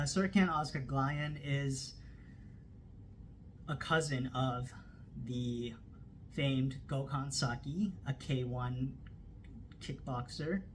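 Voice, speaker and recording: A medium-pitched man, not a native Turkish speaker, hosts a solo combat sports podcast filmed on a phone camera. Unscripted and casual, he goes over fight results with lots of fillers and corrects himself often. The rough recording carries a little hiss or hum.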